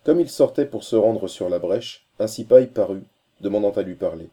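Deep, very dark-voiced male narrator. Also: breathy edge. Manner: measured, steady storytelling. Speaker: audiobook narrator. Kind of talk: reading a novel aloud.

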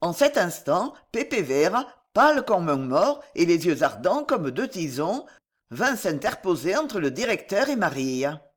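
A reader narrating a novel in an expressive, dramatic way. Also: mid-range voice, unhurried. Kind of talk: audiobook narration.

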